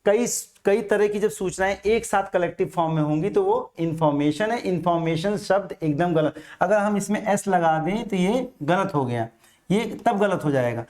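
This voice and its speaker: A man's voice: high-pitched, darkish tone. A man teaching an exam-prep grammar lecture, patient and repetitive, asking and answering his own questions.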